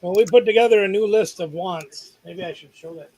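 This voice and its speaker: A man's voice: sits high, a little fast, dark tone, poor audio. A middle-aged man co-hosting a live stream, chatting casually with an easygoing, joking manner. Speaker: co-host.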